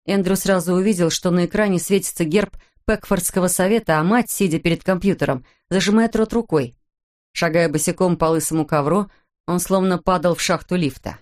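A woman reading an audiobook in a measured, dramatic narration. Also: on the low side, darkish tone. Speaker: audiobook reader. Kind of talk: scripted narration.

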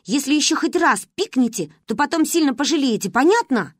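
A woman's voice: high-pitched, animated, fairly quick, no room sound, clean studio sound, pitched above the performer's own voice. A woman voicing a stern older sister who threatens and scolds the younger girls. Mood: threatening.

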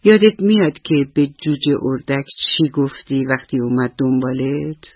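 A woman storyteller voicing a kind mother squirrel, speaking tenderly and coaxingly with a husky voice. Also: extremely low pitch, expressive, dry recording, highs cut off.

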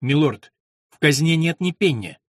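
A man voicing an old, smug castle steward who answers in a calm, unruffled manner. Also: a little high, moderate pace, no echo, clean studio sound.

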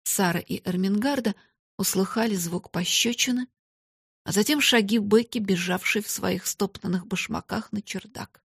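A woman narrating a classic children's story aloud in a steady, expressive audiobook reading. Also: medium pitch, moderate pace, breathy edge, no echo, studio quality.

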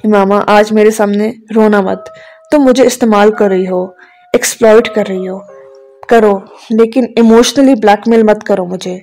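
Woman reading as a curt scornful young husband, cold and bitter, mellow voice, soft music behind. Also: medium pitch, steady tone, lightly acted. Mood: cold contempt. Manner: curt, contemptuous.

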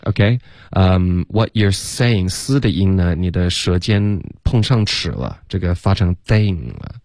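A man with a deep, low voice works as a pronunciation coach. He corrects sounds patiently and repeats them slowly as models. The recording is dry and close. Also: expressive, a little mellow, dry recording. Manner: mixes English words into explanations.

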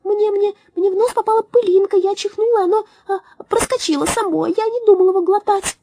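A woman voicing the tiniest timid young mouse in a storybook, with a squeaky, plaintive voice. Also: a little fast, warm tone, no room sound.

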